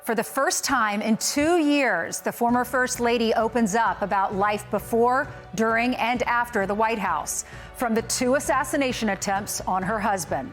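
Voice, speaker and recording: A woman's voice: on the high side, normal speed, faint music behind. Polished woman television interviewer. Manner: polished, emphatic promo delivery. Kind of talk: broadcast narration and interviewing.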